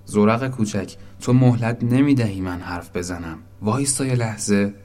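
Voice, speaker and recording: A man voicing a gentle old bridge in a storybook, speaking slowly and sorrowfully. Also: on the low side, faint music behind, natural voice. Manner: slow, sorrowful, patient. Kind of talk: storybook narration.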